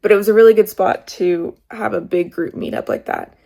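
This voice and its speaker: Young woman, travel vlogger, casual rambling chat, gravelly creaky voice, phone mic. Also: medium pitch, a little fast, mellow. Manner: chatty, rambling, laughs now and then. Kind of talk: casual vlog narration. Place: indoors, small rented room. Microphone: phone camera.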